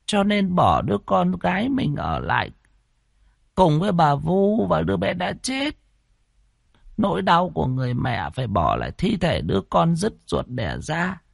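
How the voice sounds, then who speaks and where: A man's voice: fairly high pitch, creaky, dry recording, clean studio sound, voice pushed up, full character voice. A man doing a grave old midwife woman. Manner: slow, grave, quiet telling.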